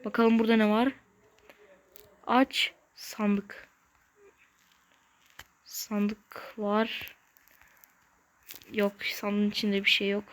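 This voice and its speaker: A woman hosting a gaming channel, giving casual let's-play commentary in short, excitable bursts with slangy exclamations and mild curses. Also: medium pitch, drawn-out words, pauses often. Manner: talks to self while playing, short bursts.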